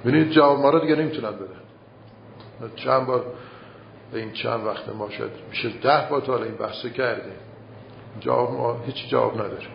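A man with a gravelly, creaky voice delivers a conversational sermon, often posing rhetorical questions. His loudness rises and falls from phrase to phrase. The recording is roomy and a bit dull, with faint noise underneath. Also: medium pitch, long pauses. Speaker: cleric giving a religious talk.

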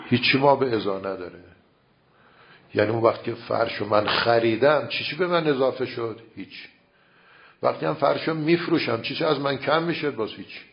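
Male lecturer, seminary style, very gravelly voice, dull lo-fi recording, teaches through rhetorical questions. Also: mid-range voice. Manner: explains with rhetorical questions and everyday examples. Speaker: religious lecturer.

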